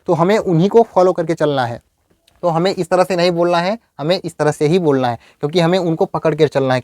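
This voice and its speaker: In a video lecture, a man teaches English step by step, saying example sentences slowly. His voice is a little high and a little mellow, recorded at studio quality with no room sound.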